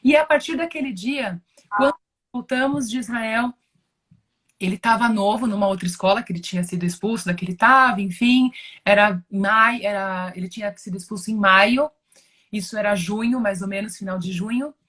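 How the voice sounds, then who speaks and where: A woman's voice: mid-range voice, moderate pace, fairly bright tone. A Brazilian woman giving an earnest, emotional personal testimony in conversation, often restarting and repeating words as she talks. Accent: Brazilian Portuguese. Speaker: guest giving a religious testimony.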